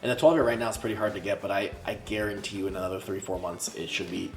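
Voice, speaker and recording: Laid-back low-voiced man. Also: quick pace, gravelly. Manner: relaxed, agreeable, laid-back phrasing. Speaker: guest. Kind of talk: casual chat. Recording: roomy echo with music.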